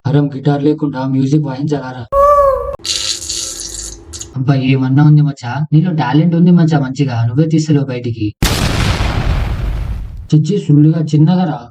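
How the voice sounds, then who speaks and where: A man's voice: a little high, steady tone, a little fast, pauses often, dull audio, very noisy. A man voicing crude, rowdy banter between friends in a comic cartoon. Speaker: cartoon comedy voice artist.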